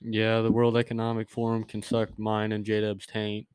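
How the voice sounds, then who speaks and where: A male podcast co-host trades crude, teasing jokes in a relaxed chat. His voice is smooth and clear. The sound is dry and close. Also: fairly low pitch, normal speed, no echo. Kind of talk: casual podcast banter.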